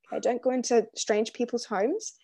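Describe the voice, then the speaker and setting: A young woman hosts a faith podcast in a slightly high voice. She talks earnestly and encourages her listeners, and she often breaks off with ums and restarts. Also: moderate pace, dark tone, slightly rough. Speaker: podcast host. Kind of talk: casual faith podcast chat.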